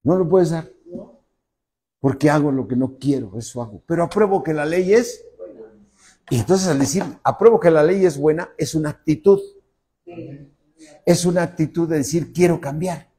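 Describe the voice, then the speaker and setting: Husky emphatic preacher man. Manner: emphatic, drawn-out preaching with loud high peaks and soft low asides. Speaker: pastor. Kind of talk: sermon.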